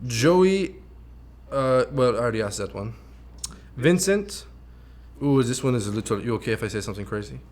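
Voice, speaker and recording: A man's voice: medium pitch, very animated, moderate pace, long pauses, a little mellow. A man from France interviewing a guest in a casual chat, teasing and provocative as he reads out crude audience questions.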